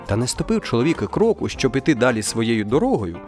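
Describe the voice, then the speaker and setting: A male storyteller reading a folk tale, expressive and animated. His pitch moves freely, landing in an ordinary middle register. A faint bed of music runs under his voice. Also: fast. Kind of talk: storybook narration. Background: soft music.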